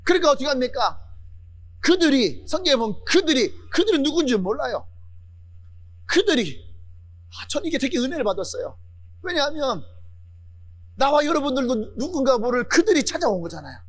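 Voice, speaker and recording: A male pastor preaching a sermon fervently, repeating phrases and building up to shouts. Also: very high-pitched, very animated, normal speed, pauses often.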